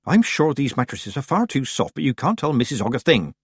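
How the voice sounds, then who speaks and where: Storybook casting: gloomy, sniffy housekeeper woman done by a male narrator, raised lilting pitch, forever disapproving. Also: big pitch swings, a little fast, slightly rough, dry recording, studio quality. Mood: fussy, gloomy. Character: sour, skinny, worried woman, disapproving household helper.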